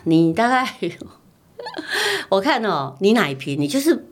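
A woman's voice: mid-range voice, moderate pace. A middle-aged mother, chatting casually and repeating words as she tells a story. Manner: animated storytelling, repeats words, acts out her own past lines. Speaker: mother recalling her child's infancy. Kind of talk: casual family chat.

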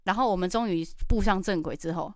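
A woman's voice: on the low side, fast, darkish tone, no room sound. A young woman, co-hosting a podcast and telling travel stories with exasperated, laughing animation. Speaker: podcast co-host. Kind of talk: casual chat.

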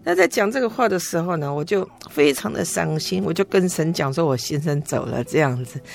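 A middle-aged woman earnestly telling her faith testimony as an interview guest, emotional and halting with frequent restarts. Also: fairly low pitch, animated, vocal fry, soft background music.

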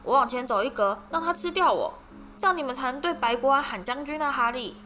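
A woman's voice: high-pitched, quick pace, bright, forceful tone, a little hiss or hum, voice pushed up. A woman voicing a bold boy giving orders. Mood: urgent. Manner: urgent, directing others. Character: brave boy wizard, young, bold and commanding. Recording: background music.

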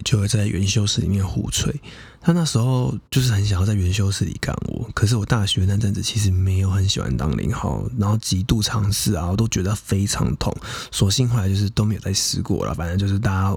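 A man's voice: low-pitched, creaky, darkish tone, breathy edge, dry recording. A young adult man, hosting a podcast and casually telling a personal story in a frank, profane, chatty way full of fillers. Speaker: podcast host.

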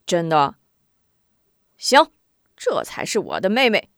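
A woman's voice: on the high side, big pitch swings, normal speed, dry recording, clean studio sound. A woman voicing an eager young village boy who pleads and coaxes.

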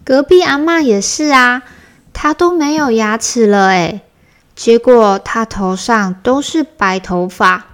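Woman doing a squeaky little bear cub. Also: slow. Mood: playfully explaining. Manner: bright, playful child voice. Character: cheerful curious little boy bear cub.

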